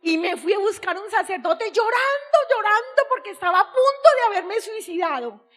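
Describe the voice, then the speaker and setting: A woman's voice: very high voice, expressive, normal speed, fairly bright tone. A middle-aged woman giving an impassioned, tearful religious testimony. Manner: impassioned, tearful, crying out at times.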